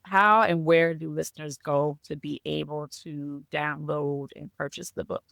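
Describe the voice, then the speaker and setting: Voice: medium pitch, flat delivery, measured pace, creaky, a bit bright, no echo, studio quality. A podcast host asking friendly, practical questions. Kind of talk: casual interview questions.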